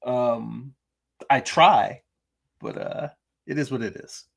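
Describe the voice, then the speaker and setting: Livestreaming his drawing from a room at home, a middle-aged man chats casually with viewers and reads out their comments. His medium-pitched voice is slow and gravelly from lack of sleep, and his chatty, self-deprecating talk is full of restarts and ums.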